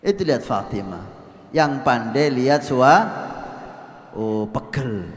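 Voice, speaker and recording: Animated preacher in an echoey hall. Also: male voice, mid-range voice, takes it slowly. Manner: lively storytelling, acting out the people in his stories. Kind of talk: Islamic sermon to a congregation. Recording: echoey hall, roomy PA sound.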